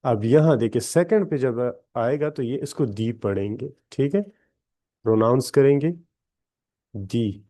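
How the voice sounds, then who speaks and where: A man's voice: mid-range voice, measured pace, mellow. A male English teacher, running an online grammar class and explaining step by step while checking in with his students again and again. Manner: explains step by step, keeps checking in with "theek hai". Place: online class on a video call.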